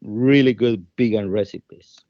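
A man from El Salvador, speaking English with a Salvadoran Spanish accent as a guest chef in an interview, in an earnest, halting way that often repeats words. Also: fairly low pitch, no echo, highs cut off. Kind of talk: casual interview conversation.

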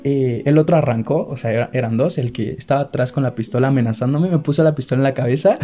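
Fast-talking young Mexican man. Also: medium pitch, faint music behind. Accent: Mexican Spanish. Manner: animated storytelling with nervous laughs. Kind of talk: casual chat.

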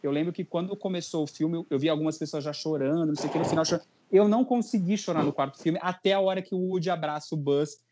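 Fast-talking young Brazilian man. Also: on the high side, noisy background. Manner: animated storytelling, acts out quotes. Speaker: podcast host. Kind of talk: casual chat.

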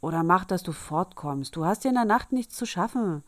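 A woman voicing a naive, fearless young farm boy in a fairy tale reading, speaking eagerly and a little louder than her narration. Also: sits low, animated, normal speed, no room sound, studio quality. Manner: earnest, eager, raised and loud.

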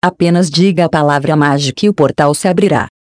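A man's voice: a little high, quick pace, no echo, studio quality, close to an everyday voice. A Brazilian narrator voicing a brave, curt man who fights a creature in an audiobook. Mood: urgent. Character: brave gruff man with a shotgun.

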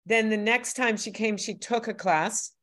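A woman's voice: on the high side, unhurried, a bit bright. A woman hosting an interview, enthusiastic and encouraging toward her guest. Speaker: host, workshop leader. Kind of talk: podcast interview.

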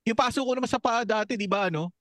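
High-voiced young man telling childhood stories. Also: fast talker, no room sound, studio quality. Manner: animated, laughs at his own stories, swears casually. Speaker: podcast co-host. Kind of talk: casual chat, storytelling.

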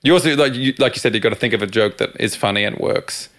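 Fast-talking man with posh Australian accent. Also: mid-range voice, a bit bright. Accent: posh Australian, almost English. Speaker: podcast host. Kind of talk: casual podcast chat.

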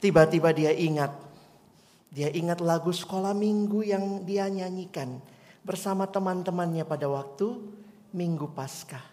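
A man's voice: sits high, measured pace, darkish tone. A man preaching a sermon as a pastor. He tells a story and slips into the voices of the people in it. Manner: acts out characters in the story with shifting voices. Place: church. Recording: church hall reverb.

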